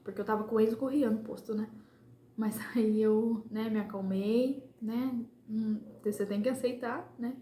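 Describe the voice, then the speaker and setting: A woman's voice: fairly high pitch, steady tone, normal speed, dark tone. A young woman chatting to her viewers at home, telling a story and acting out what people said. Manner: chatty, addresses viewers as "gente", acts out quoted dialogue. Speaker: vlogger telling her pregnancy stories. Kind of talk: casual storytelling to camera. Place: home, moving between rooms. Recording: echoey home room, faint background noise.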